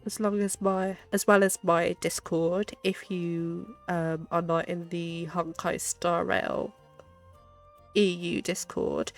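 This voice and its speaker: Chatty woman streamer, gravelly low voice. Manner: chatty, giggly, amused commentary. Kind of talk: casual gameplay chat.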